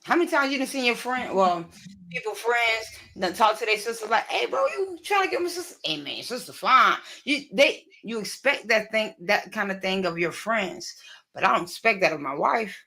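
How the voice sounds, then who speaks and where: Woman, thirties, a bit high-pitched, blunt and playful co-host who laughs easily. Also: animated, moderate pace, bright, forceful tone, poor audio. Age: 30s. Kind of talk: casual chat.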